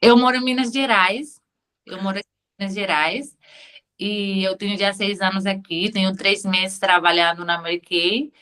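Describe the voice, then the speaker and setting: A Venezuelan woman speaking Portuguese with a Spanish-tinged accent, hesitantly pitching her beauty consulting work on a video call. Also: steady tone, normal speed, bright, forceful tone, smooth. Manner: hesitant, searching for words.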